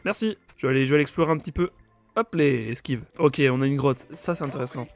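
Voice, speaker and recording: A young man with a cold, commenting loudly on his own gameplay, swearing and yelping when enemies attack. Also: mid-range voice, fast, vocal fry, dry recording, soft background music. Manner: excitable, swears a lot, yelps at enemies. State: has a cold. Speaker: gaming YouTuber.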